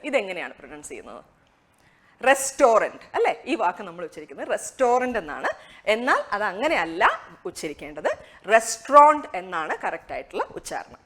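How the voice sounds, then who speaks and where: Lively-voiced woman teaching pronunciation. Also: medium pitch. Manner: conversational, asks rhetorical questions, slows on target words. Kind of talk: explanatory lesson.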